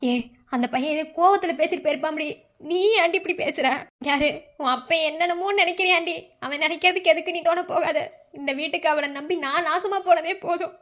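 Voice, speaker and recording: A woman plays a worried middle-aged village mother in a cartoon, speaking with a Madurai accent. Her very high voice pleads and frets, close to tears. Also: steady tone, fairly quick, a bit bright. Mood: pleading. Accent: Madurai Tamil. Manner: pleading, tearful. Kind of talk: cartoon voice acting.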